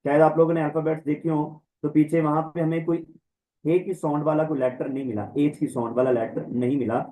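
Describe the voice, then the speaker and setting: A man teaching a Greek language class online, repeating each word slowly and carefully for the students. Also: a little high, steady tone, warm tone, rough recording. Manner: slow, drawn-out word-by-word pronunciation drills. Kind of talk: online lecture. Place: online class, voice over slides.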